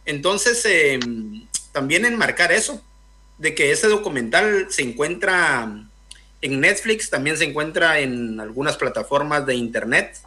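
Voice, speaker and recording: A man's voice: a little high, animated, unhurried, pushed and bright. Hesitant young man from Guatemala. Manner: thoughtful, hesitant with many fillers. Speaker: guest filmmaker. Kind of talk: radio interview. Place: indoor room, video call.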